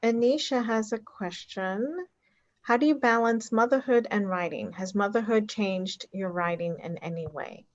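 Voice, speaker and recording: A woman's voice: medium pitch, unhurried, dull audio. A woman interviewer reading out audience questions briefly over a video call. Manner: brief, reads questions aloud. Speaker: interviewer, fellow author.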